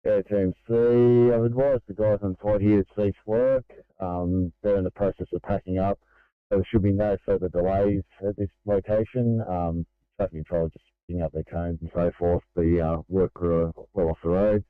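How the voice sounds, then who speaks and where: A man's voice: sits low, steady tone, normal speed, clear, resonant tone, no echo. A man giving matter-of-fact emergency services updates over a two-way radio. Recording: tinny narrowband radio transmission.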